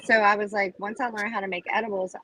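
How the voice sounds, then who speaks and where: A woman's voice: medium pitch, little pitch movement, quick pace, pushed and bright, rough recording. A woman, chatting casually in an outspoken, slangy way. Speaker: beginner moonshiner. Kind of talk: casual chat.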